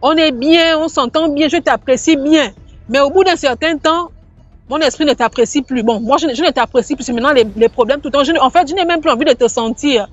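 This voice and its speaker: A woman with a high-pitched voice tells a personal story in a loose, conversational way. She circles back, restarts her sentences and repeats words as she goes. The recording is a little dull, with faint music playing underneath. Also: a little fast, dry recording. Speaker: storyteller sharing a personal testimony. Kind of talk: casual first-person storytelling. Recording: slightly muffled, faint background music.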